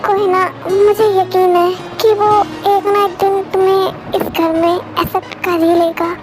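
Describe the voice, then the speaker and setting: A young woman voicing a gentle, motherly aunt who soothes and pleads, heard over loud music. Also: very high-pitched, little pitch movement, unhurried. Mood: pleading. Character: gentle motherly older aunt, soft-hearted.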